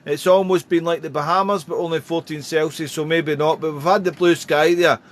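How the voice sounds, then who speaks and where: Speaking a little fast with fairly even intonation and a slightly high pitch, a male amateur radio operator calls out phonetic call signs and chats warmly. The clip of contact calls and casual talk has clear radio noise behind it.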